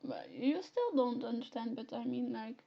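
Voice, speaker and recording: A woman with a Flemish accent, a native Dutch speaker, chatting softly and giggling as she streams and reads a story game aloud. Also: a little high, lively intonation, moderate pace, gravelly, highs cut off. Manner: soft-spoken, giggly. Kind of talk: casual live-stream chat, reading a story game aloud.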